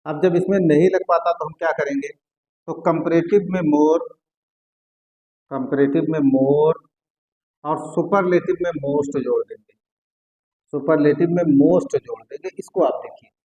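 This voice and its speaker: A man teaching an English grammar lesson, often repeating key words slowly as he writes them on the board. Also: on the high side, warm tone, lo-fi sound.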